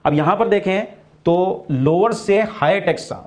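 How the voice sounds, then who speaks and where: Indian man teaching biology, a bit high. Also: a little mellow. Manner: explains in Hindi, then slowly restates key points in English. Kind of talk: recorded classroom lecture.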